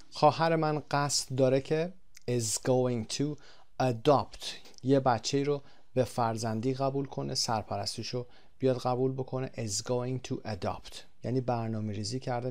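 A man teaching an English grammar lesson. He explains quickly, then reads his English examples slowly and deliberately, pausing on thinking fillers as he goes. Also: mid-range voice, a little mellow.

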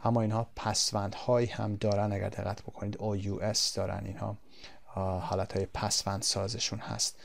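A man teaching an English lesson. He explains quickly and says the model words slowly and clearly. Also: on the low side, flat delivery. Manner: switches between quick explanations and slow, drawn-out model words.

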